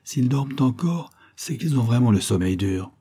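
A man voicing an exuberant young American man, loud and excitable. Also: medium pitch, normal speed, breathy edge, pitched above the performer's own voice.

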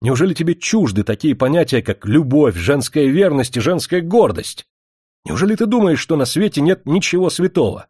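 A man's voice: medium pitch, lively intonation, fairly quick, a little mellow, slightly rough, no echo, studio quality. Man playing a flustered, pompous writer. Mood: indignant. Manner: flustered outbursts, pompous declaiming. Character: indignant middle-aged male writer, flustered and rhetorical.

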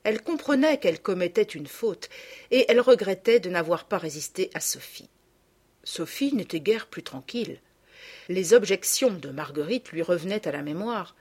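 A woman narrating a classic children's story in a calm, measured reading voice. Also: on the low side, breathy edge.

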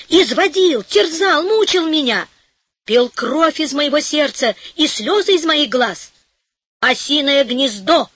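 A woman's voice: sits high, a bit bright, no room sound, full character voice. A woman reading an audiobook, voicing a fiery young man who is hot-tempered and lovesick and rants in heaps of words. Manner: rapid indignant ranting, emphatic word piling.

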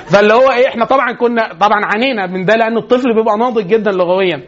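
A man with an Egyptian accent giving a religious lecture on parenting, telling lively stories and laughing often. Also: high voice, very fast, highs cut off. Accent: Egyptian Arabic.

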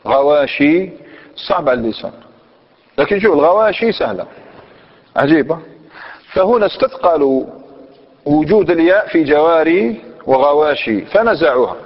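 Male grammar teacher, fairly high voice, quizzes his students, lo-fi recording with long echo. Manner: questions the class and repeats answers. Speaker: Islamic scholar teaching Arabic grammar. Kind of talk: classroom grammar lesson. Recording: dull lo-fi recording in a reverberant hall.

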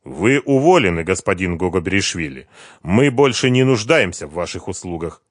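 Man playing a stern young heir, curt, firm, lively pitch, dry sound. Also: normal speed, no room sound.

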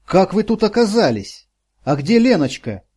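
A man's voice: high-pitched, animated, normal speed, warm tone, pitched above the performer's own voice. A man voicing a frightened, blind elderly woman who pleads and sobs. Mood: pleading, alarmed. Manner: sobbing, pleading, panicky.

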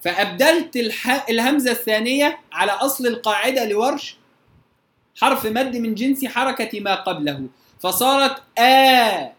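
A woman with an Egyptian Arabic accent teaching Quran recitation rules. She draws out her recited examples slowly and often checks whether her students follow. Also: fairly high pitch, expressive, fairly bright tone. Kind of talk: tajweed lesson. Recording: roomy echo.

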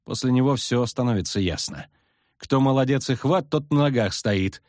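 A man's voice: mid-range voice, moderate pace, darkish tone, no room sound, studio quality, close to an everyday voice. A man voicing a fierce young woman archer who speaks tersely through clipped words in an audiobook. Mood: furious.

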